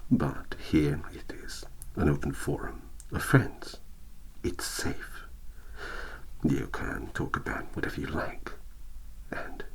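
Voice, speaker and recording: Man playing very deep, slow elf inquisitor, whispered role-play. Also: expressive, full character voice, poor audio. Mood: hypnotic, soothing. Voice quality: soft-spoken, breathy half-whisper. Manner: slow, deliberate, hypnotic, coaxing elf interrogator. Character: cold, patient male elf inquisitor interrogating a human prisoner.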